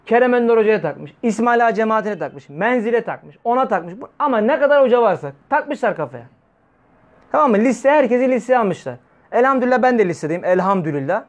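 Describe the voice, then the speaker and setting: Fiery, high-voiced preacher. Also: male voice. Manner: fiery, scolding, rhetorical questions to listeners. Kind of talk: weekly religious talk.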